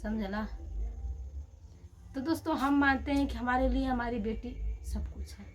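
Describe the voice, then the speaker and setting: A woman's voice: on the high side, a little slow. A woman vlogger, talking earnestly and heartfelt to her viewers. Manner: earnest, heartfelt, repetitive coaxing. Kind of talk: casual talk to camera.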